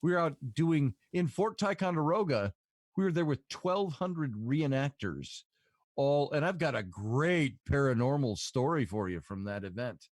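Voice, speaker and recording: Hosting his podcast, a man tells drawn-out stories in a loose, wandering way full of fillers. His medium-pitched voice has lively intonation and a measured pace, captured dry with clean studio sound.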